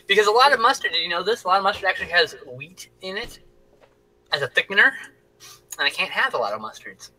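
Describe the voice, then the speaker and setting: A man co-hosting a weekly geek chat show explains things in a casual, jokey group conversation, swearing freely. His voice sits high and sounds animated, quick, bright and forceful, on a rough recording with a little hiss or hum.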